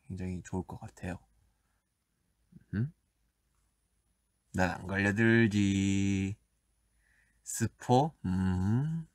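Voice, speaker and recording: Brief: a laid-back man hosting a birthday live stream, quiet and soft-spoken, answering comments between easy laughs. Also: on the low side, no echo.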